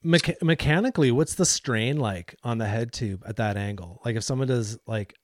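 A man's voice: mid-range voice, normal speed, no echo, studio quality. A man hosting a casual interview, laid-back and slangy, reminiscing and asking questions. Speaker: podcast host.

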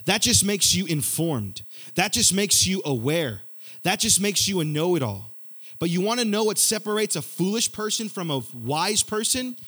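A young man preaching a sermon in a church, energetic and conversational, building points through repetition. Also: sits high, normal speed. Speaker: youth pastor.

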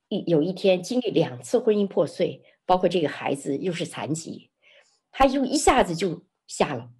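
Husky, lively woman telling a story. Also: on the low side. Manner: expressive, lively storyteller who laughs often. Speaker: interview guest. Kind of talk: animated testimony storytelling.

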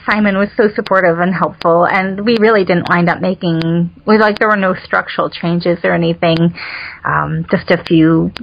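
A woman's voice: fairly low pitch, fairly even intonation, normal speed, creaky. A woman, a novelist being interviewed, talking casually about her book with lots of fillers and frequent laughs. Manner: chatty, laughs often, many fillers. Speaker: novelist guest. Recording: muffled lo-fi audio with faint noise.

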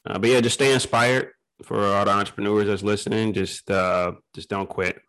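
A man's voice: fairly low pitch, steady tone, normal speed, fairly bright tone. A man talking casually and informally as a podcast guest, telling stories in a loose, slangy way. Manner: informal, peppers talk with "man". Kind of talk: casual chat, storytelling.

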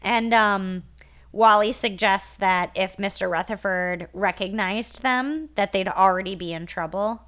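A woman's voice: medium pitch, unhurried. A woman co-hosting a podcast, chatting casually and sarcastically as she recaps a sitcom episode. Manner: animated, sarcastic, quotes characters. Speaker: podcast co-host.

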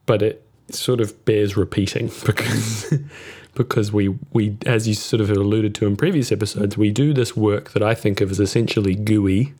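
A man hosting a podcast, speaking thoughtfully and gently in reflective conversation. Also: lowish voice, steady tone, moderate pace, slightly rough. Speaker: podcast host.

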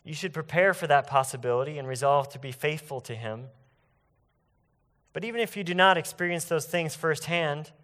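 Man, pastor, preaching a sermon, somewhat high voice, earnest, emphatic, slows down on key phrases. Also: fairly bright tone.

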